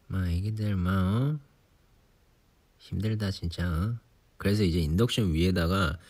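A young man in his twenties, relaxed and chatty on a sleepy late-night livestream, teasing himself for nagging like an elder. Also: low voice, husky. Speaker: idol livestream host. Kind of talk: casual livestream chat. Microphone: phone or device mic, voice-only live.

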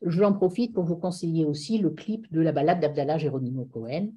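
Her low-pitched voice is mellow, slightly rough and fairly quick as this middle-aged woman delivers an online lecture on song lyrics via video call. She digresses often and fills her speech with hesitations and fillers.

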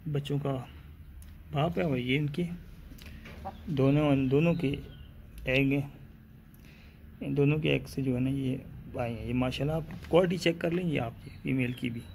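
Gravelly-voiced man showing chickens. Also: medium pitch, darkish tone, slight background noise. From Pakistan. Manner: repeats filler "ji" and "mashallah", hesitant pauses. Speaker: poultry breeder and channel host. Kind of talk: casual sales walkthrough video. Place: small chicken coop. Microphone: phone camera held while filming.

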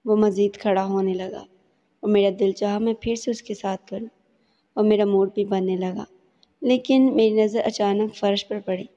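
Mellow-voiced woman reading a novel aloud. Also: mid-range voice, steady tone. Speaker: storyteller, channel host. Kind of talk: scripted audio novel narration. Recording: dull lo-fi audio with long reverb.

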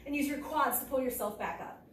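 A woman's voice: high-pitched, brisk, a bit bright. A young woman instructing a kickboxing workout, calling out moves in clipped cues as she exercises. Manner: physically exerting while talking, in clipped cues. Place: large indoor martial arts gym with mats. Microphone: far camera across the room. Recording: echoey gym, distant mic, noisy.

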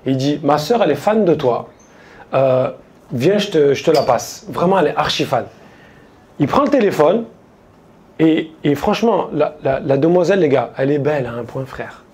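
A man doing stand-up, telling a story in a casual, slangy way to a live audience, quoting his friends in quick asides. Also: on the high side, expressive, darkish tone. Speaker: stand-up comedian. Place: stage before a live audience.

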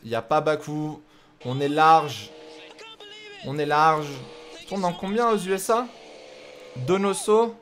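A young man streaming live, chatting casually with his viewers and joking while he sets up racing games. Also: fairly high pitch. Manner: joking, chatty, thinks aloud while setting up races. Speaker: streamer hosting a racing game night.

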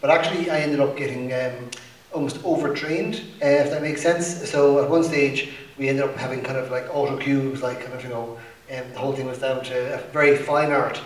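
A man telling an anecdote on a conference panel in a relaxed way, full of "you know" and "kind of". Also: medium pitch, fairly quick, recorded from a distance. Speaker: bank executive panelist. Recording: roomy hall, voice from the mic.

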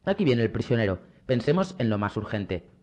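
A man voicing a commanding, shrewd middle-aged prince with a brisk, authoritative manner. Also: mid-range voice, sing-song, darkish tone, natural voice.

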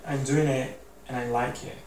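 Seated indoors in an armchair, a young Italian man in his twenties talks to camera in a darkish, medium-pitched voice at a moderate pace with fairly even intonation. His casual motivational talk is earnest and rambling, packed with "like"s and restarts, and the distant camera mic leaves a roomy echo and faint hiss.

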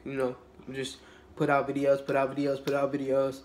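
Young guy with a cold rambling thru a mukbang vlog, kinda flat and chill, bit of hiss behind. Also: moderate pace. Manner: rambling, relaxed, many fillers and restarts; low-energy, laid-back. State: has a cold. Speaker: YouTuber. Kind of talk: casual mukbang vlog talk.

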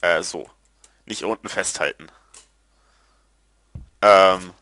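A man giving casual gameplay commentary, excitable and quick to curse, yelping at his failures. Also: low voice, no echo. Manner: excitable, yelps and groans at failures. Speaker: let's player.

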